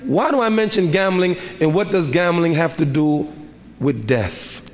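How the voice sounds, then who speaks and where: A man's voice: a little high, expressive, measured pace, faint music behind. A middle-aged man preaching a sermon as an imam, with a rhythmic delivery full of repeated rhetorical questions. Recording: reverberant hall, faint ambience.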